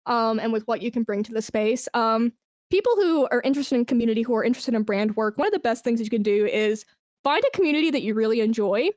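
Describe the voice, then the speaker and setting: A woman guesting on a podcast talks effusively and emphatically about her job as an esports brand manager in a casual, informal interview. Her voice is fairly high, quick and darkish, recorded clean in a studio with no room sound.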